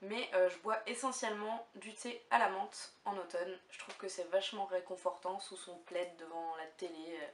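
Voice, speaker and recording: A young woman chats to the camera about her favourite things, with a chatty, halting delivery full of little fillers. Her voice sits at a middling pitch and sounds a little far from the mic in an echoey room. A faint hiss runs underneath. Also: steady tone. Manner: chatty, hesitant with many fillers. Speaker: beauty vlogger. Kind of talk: casual chat to camera. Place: room at home.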